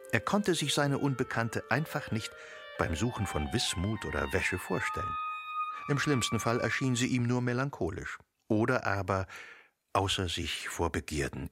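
A man with a fairly low-pitched voice narrates a radio drama in a literary, dramatic style. He phrases things deliberately and uses emphatic pauses.

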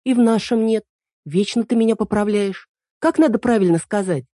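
A woman's voice: mid-range voice, dark tone, dry recording, studio quality, pitched above the performer's own voice, close to an everyday voice. Woman doing a chattering young girl fairy. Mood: eager. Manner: quick, fussy and earnest.

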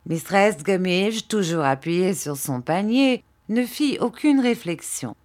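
Slow, measured woman audiobook narrator. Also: mid-range voice. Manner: measured, calm reading. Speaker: audiobook reader. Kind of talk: scripted narration of a novel.

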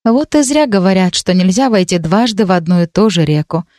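A woman voicing a gloomy young female student in an audiobook, speaking in a flat, deathly tired monotone. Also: mid-range voice, brisk, no room sound, studio quality, natural voice.

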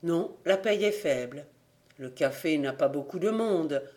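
A man reading an audiobook, voicing a proud, bitter old farmer father who speaks gravely and flares into anger. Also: a little high, animated, unhurried, a little mellow. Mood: grave pleading. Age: older.

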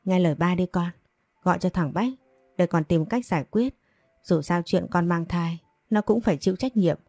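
A woman voicing a gentle, soothing mother. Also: on the low side, normal speed, no room sound, faint music behind. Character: gentle, caring middle-aged mother.

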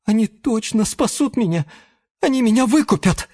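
Storybook role: tiny frightened chameleon boy, done by a man, high and anxious. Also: animated, slow pace, a little mellow, full character voice. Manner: anxious, pleading. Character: small frightened young male chameleon.

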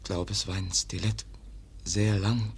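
The radio play's wounded young man, Kaspar, is heavily acted by a man with a fairly low, creaky, slightly rough voice, flat delivery and a measured pace. Weakened by a stab wound, Kaspar manages only breathy whispers in broken, clipped, halting sentences, sounding weak and faltering.

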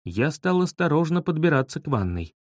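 Man, audiobook narrator, expressive, fairly high voice, lively pitch, dry close sound. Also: a little fast, no room sound. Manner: expressive storytelling. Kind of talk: scripted narration of a humorous children's story.

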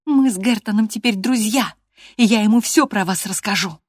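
A woman reading aloud, voicing a bold, stubborn young woman who shouts high and loud. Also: fairly even intonation, a little fast, no room sound, clean studio sound. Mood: defiant.

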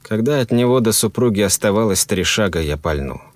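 A man narrating a grim first-person horror story in a grave, measured way. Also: lowish voice, animated, no echo.

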